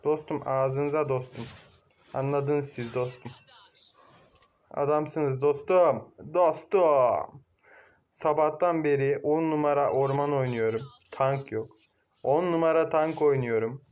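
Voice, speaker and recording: A young man casually commentating his own mobile game match, excitable, cursing at teammates and shouting now and then. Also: medium pitch, measured pace, muffled recording. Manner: excitable, swears and shouts at teammates, laughs loudly.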